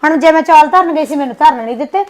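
A woman with a Punjabi accent acting a young village wife in a short film, complaining and snapping back. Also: sits high. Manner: sulky, complaining, quick retorts.

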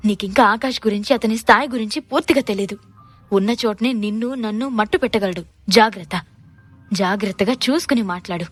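A woman's voice: mid-range voice, brisk, soft background music, natural voice. A woman voicing a nervous cautious man. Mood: warning. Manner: urgent, pleading.

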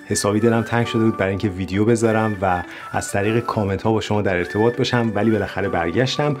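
A man teaching English pronunciation in a video lesson, modeling words clearly and repeating them slowly. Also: fairly low pitch, music in the background.

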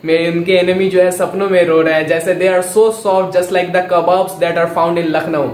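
A man hosting a music reaction channel, explaining song lyrics in casual commentary, hyped up and switching between Hindi and English in quick bursts. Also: sits high, little pitch movement, echoey room.

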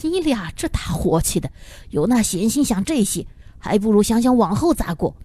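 A woman voicing an elderly village grandmother who talks in a calm, practical, gently scolding way in an audiobook. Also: mid-range voice, normal speed, husky. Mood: calm advising.

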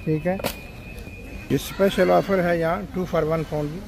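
Holding his phone as he wanders a supermarket, a vlogger with a slightly high voice chats casually and reels off prices, friendly and polite, saying "ji" and "janab." His intonation stays fairly even and his pace measured. Store noise comes through clearly in the background.

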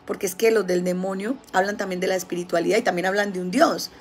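A woman with a Colombian accent giving a casual spiritual talk, telling stories with lively, acted-out quotes. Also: medium pitch, quick pace. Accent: Colombian Spanish. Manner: animated storytelling, acting out quoted voices. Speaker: spiritual healer.

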